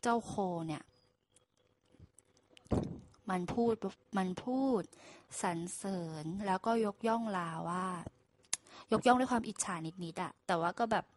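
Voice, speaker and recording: A woman's voice: mid-range voice, measured pace, pauses often. A woman casually retelling a fable to listeners, chatty, with asides and self-corrections. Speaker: storyteller.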